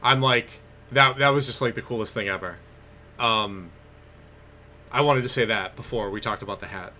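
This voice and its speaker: Bright-voiced man bantering on a podcast. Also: mid-range voice, moderate pace, slight background noise. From North Shore, Massachusetts. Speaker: podcast co-host. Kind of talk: casual banter.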